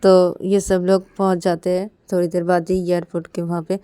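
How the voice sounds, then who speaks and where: A woman's voice: lowish voice, little pitch movement, normal speed, mellow, clean tone, dry recording. A woman narrating a love story in a casual, plain storytelling manner.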